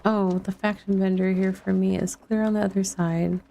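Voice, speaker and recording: Here the middle-aged livestreamer talks at a normal speed with a flat delivery, her medium-pitched voice dark and marked by vocal fry. She chats casually over her video game, thinking aloud and drifting a little.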